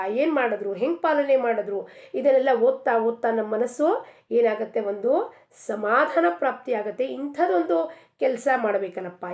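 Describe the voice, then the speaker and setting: A woman's voice: on the high side, darkish tone. A woman giving an earnest devotional discourse, asking many rhetorical questions. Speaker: spiritual speaker.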